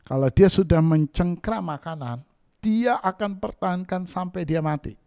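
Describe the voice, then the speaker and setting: A man's voice: normal speed, clean tone, no room sound. A man preaching a sermon as pastor, telling a story animatedly and acting out the voices in it. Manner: animated storytelling, acts out quoted voices with big pitch jumps. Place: church.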